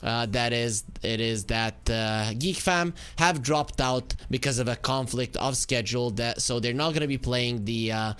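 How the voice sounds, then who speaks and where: A man, calling a live esports match at a mid pitch. He keeps an upbeat, self-joking tone as he runs through the team lineups. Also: unhurried, hardly any pauses, a bit bright, smooth. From Serbia. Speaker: esports caster.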